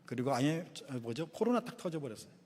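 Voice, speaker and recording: A man's voice: a little high, sing-song, fast, darkish tone. A middle-aged man preaching a sermon in a chatty, self-deprecating way with touches of humor. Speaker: guest pastor. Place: church sanctuary. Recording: long church reverb.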